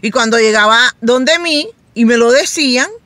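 A middle-aged woman vlogger telling stories to camera in a chatty, animated way, laughing often and acting out quoted voices in a high pitch. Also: normal speed, dry recording. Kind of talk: casual storytelling to camera.

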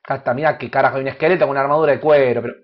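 A man with an Argentine Spanish accent giving crude, joking gameplay commentary that bursts into loud shouts. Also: mid-range voice, steady tone, racing, lo-fi sound. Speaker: gaming youtuber.

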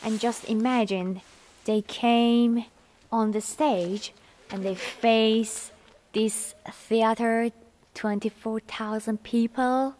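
A woman from Iran gives an unhurried walking tour of ancient ruins. She talks in a chatty, curious way, measured and slow. She is recorded outdoors on a camera held at arm's length, with faint background noise. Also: a little high, steady tone, a little mellow. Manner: chatty, curious, nonnative phrasing. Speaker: travel vlogger. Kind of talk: walking travel vlog tour.

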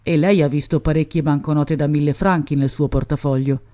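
A woman's voice: low-pitched, steady tone, a little fast, warm tone, close to an everyday voice. A woman reading an audiobook, voicing a stern police commissioner who questions in short, clipped lines. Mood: questioning. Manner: curt, questioning.

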